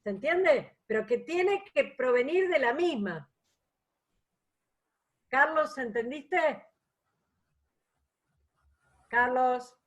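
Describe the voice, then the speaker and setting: Woman, high voice, patient explanations, online math lecture. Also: lively intonation, very slow, pauses often. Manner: patient, explanatory, checks for understanding. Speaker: math teacher.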